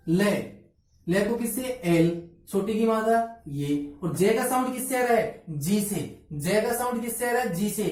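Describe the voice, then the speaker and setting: A woman's voice: a little high, dark tone. Echoey woman teacher drilling phonetics. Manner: asks questions and answers them herself, spells letters out. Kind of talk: phonetics lesson. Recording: echoey room, from far off.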